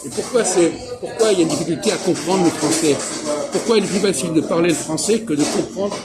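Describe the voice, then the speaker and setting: A man leads a casual philosophical conversation, pressing his partner with questions and correcting him. His voice sits on the higher side. Loud background music plays in the fast-food restaurant where it was recorded. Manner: insistent, explains and pushes back. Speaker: host asking questions. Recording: loud music playing behind.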